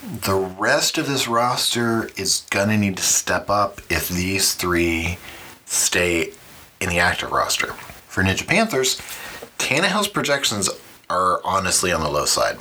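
A man's voice: deep voice, sing-song, unhurried, bright, forceful tone, slight background noise. A man hosting a podcast, giving fantasy football matchup commentary in a wry, mock-dramatic announcing manner. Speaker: podcast host.

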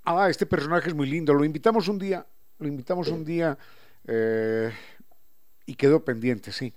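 A male host with a fairly high voice. He explains in an unhurried, professorial way and lingers on individual sounds and words as he spells them out. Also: darkish tone. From Ecuador. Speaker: radio host. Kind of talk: explanatory talk-show chat.

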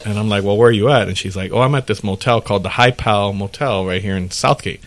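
A man with a fairly low voice hosts a casual podcast chat. He tells a long, rambling story and acts out each line of dialogue as he goes. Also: fast. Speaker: podcast host.

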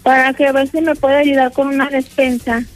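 A woman's voice: high voice, level tone, normal speed, soft background music. A Mexican woman phoning in to a radio show and speaking conversationally. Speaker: phone-in caller.

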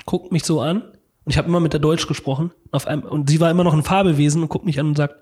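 A man with a husky, slightly higher voice tells a story in a relaxed, conversational way. He is animated, often mimicking sounds and repeating words as he goes. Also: fast talker. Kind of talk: casual storytelling.

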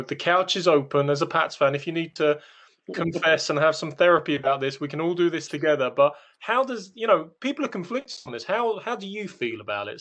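A man hosts a casual sports interview at an average pitch. He talks in long, wordy run-ups with a playfully theatrical touch, then puts his question. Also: fairly bright tone. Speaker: sports talk host.

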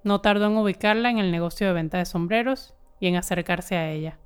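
A woman reading scripted documentary narration in a steady, measured way. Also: on the low side, clean tone.

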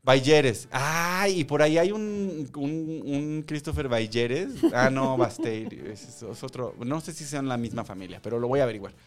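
Animated Mexican man telling a story. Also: medium pitch, a little slow, hardly any pauses, soft background music. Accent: Mexican Spanish. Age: young adult. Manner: animated storyteller, acts out quoted voices and laughs often. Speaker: podcast host. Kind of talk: casual chat.

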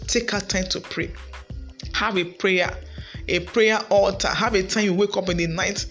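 A woman's voice: medium pitch, steady tone, normal speed. Nigerian woman preacher praying emphatically over music. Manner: declamatory, forceful praying with emphatic declarations. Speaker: preacher and podcast host.

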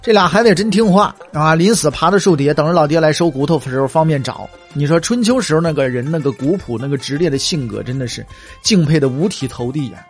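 A man's voice: on the high side, animated, fast talker, soft background music. A man, telling history as humorous, chatty storytelling with wry asides.

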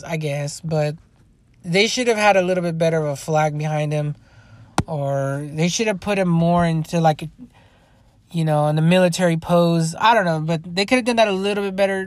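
A man's voice: sits high, no echo. A man hosting a solo podcast, rambling casually with lots of swearing and restarts. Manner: rambling, profane, frequent restarts. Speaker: podcast host.

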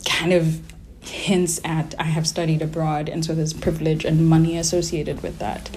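Woman in her 30s, american accent w a bit of kenyan, low voice, chatting in an interview, some background noise. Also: little pitch movement, normal speed. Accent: American-sounding with a slight Kenyan trace. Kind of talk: reflective casual interview talk.

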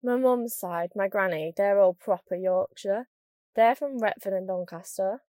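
Chatting to camera with jokey self-deprecation, a young woman shows off her northern English Lincolnshire accent, being from Scunthorpe in northern England. Her medium-pitched voice has a darkish tone and a slightly slow pace, in studio-quality audio without echo.

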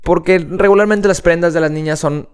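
A man's voice: on the high side, brisk, smooth. Slangy young Mexican guy podcasting. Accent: Mexican Spanish. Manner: slangy, animated, laughs often. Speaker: podcast host. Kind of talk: casual podcast chat.

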